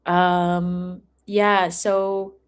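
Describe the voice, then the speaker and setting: A woman hosting a live tarot reading chats with viewers in a relaxed, informal way, giggling often. She has a clean, lowish voice, a level tone, and draws out her words.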